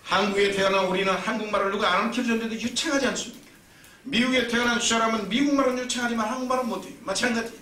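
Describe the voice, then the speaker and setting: Bright-voiced pastor preaching in a roomy church. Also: male voice, very high voice, rapid-fire. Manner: storytelling, lively and emphatic. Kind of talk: sermon. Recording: roomy, distant mic, faint noise.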